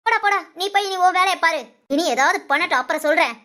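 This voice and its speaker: A woman's voice: very high-pitched, quick pace, pushed and bright. A woman voicing a bossy, scheming older mother-in-law in a cartoon, nagging and scolding, with Tamil village speech. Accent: Tamil Nadu village speech.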